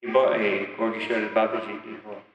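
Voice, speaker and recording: A man giving a religious talk, retelling stories of teachers in a halting way with many fillers and restarts. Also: fairly low pitch, level tone, a crowd in the background. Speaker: spiritual teacher. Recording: echoey hall, dull lo-fi sound.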